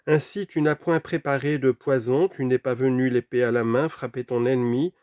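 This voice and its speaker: A man reading a sermon aloud in an earnest, deliberate way, dropping quieter for scripture references. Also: mid-range voice, steady tone, no echo, studio quality. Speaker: reader of a sermon.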